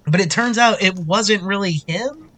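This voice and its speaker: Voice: medium pitch, unhurried, a bit bright. A podcast co-host chatting in a laid-back, slangy, jokey way. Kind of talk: casual chat.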